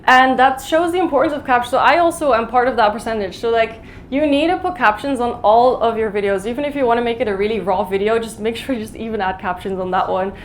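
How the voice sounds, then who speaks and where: A woman giving a live conference talk, speaking fast and chatty with lots of "like" and "um" fillers. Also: on the high side, slight background noise. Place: conference hall in Mumbai.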